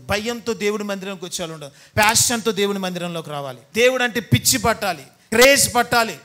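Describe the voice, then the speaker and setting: A man's voice: high voice, bright, forceful tone. A man preaching a sermon to a congregation in a church hall, teasing and scolding his listeners and acting out the voices of people in everyday scenes. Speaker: pastor.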